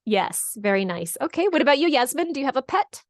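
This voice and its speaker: Very animated and fairly quick, this high-voiced host from California, United States, is a middle-aged woman running a casual webinar on a video call. She reads out audience comments, repeats answers back, and encourages participants. The sound is clean studio quality with no room sound.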